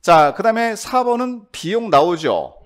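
A man teaching a real estate law exam review, quizzing his class with quick tag questions. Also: high-pitched, very animated.

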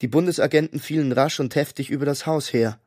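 A man reading a fantasy audiobook in a steady, measured storytelling way. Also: a little high, no room sound, clean studio sound. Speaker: audiobook narrator. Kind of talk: scripted narration.

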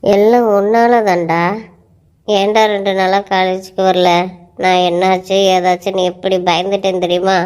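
A woman's voice: mid-range voice, flat delivery, normal speed, darkish tone, clear, resonant tone, close to an everyday voice. A woman voicing a young college woman in love, who scolds and mock-threatens her boyfriend in a cartoon. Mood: upset. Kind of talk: cartoon voice acting.

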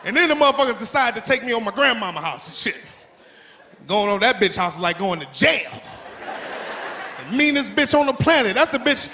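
A man doing a stand-up routine, loud and profane, acting out shouting parents and whining kids in high squeals. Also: lively intonation, fairly quick, a little hiss or hum. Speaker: stand-up comedian. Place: comedy club stage before a laughing audience. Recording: echoey club with loud crowd laughter. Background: crowd laughter.

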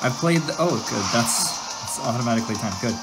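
A woman hosts a casual let's-play over video game music, her voice rumbling low, animated, and fairly quick despite poor audio. She giggles, gets easily distracted, and exclaims often.

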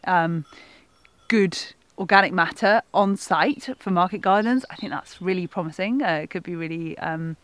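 A woman's voice: fairly low pitch, normal speed, dry recording. Young woman chatting casually on her farm. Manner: relaxed, thoughtful, many fillers. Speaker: farmer and vlog host. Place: outdoors on a farm and in a goat shed.

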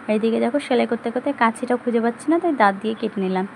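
A woman's voice: a little high, rapid-fire, vocal fry, slight background noise, poor audio. A young woman chatting through her day in a casual home vlog, giving a running commentary. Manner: speaks softly so the sleeping baby is not disturbed. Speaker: vlogger.

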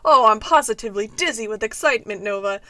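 A woman voicing an excitable, melodramatic male gardener from a video game in a gushing manner. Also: medium pitch, fairly quick, dry recording, pitched below the performer's own voice. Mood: ecstatic.

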